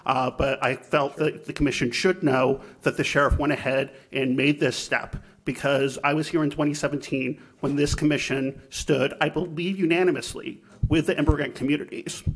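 A man giving measured, polite public comment at a county budget hearing. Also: a little high, steady tone, husky. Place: county commission chamber.

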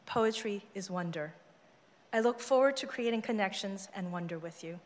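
A woman's voice: mid-range voice, normal speed. A woman giving a short prepared acceptance speech at a public meeting. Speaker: incoming city poet laureate. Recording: reverberant council chamber.

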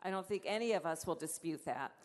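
A woman's voice: lowish voice, expressive, quick pace. A woman emceeing a civic celebration from the stage, chatty and playful, bantering and laughing. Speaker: emcee of the event. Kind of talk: lively stage hosting. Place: large hall on stage. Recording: echoey hall with crowd behind.

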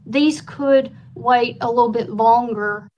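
A woman's voice: on the high side, fairly even intonation, slow pace, a little mellow, muffled recording, a little hiss or hum. A woman staff presenter explaining and answering questions at a formal meeting.

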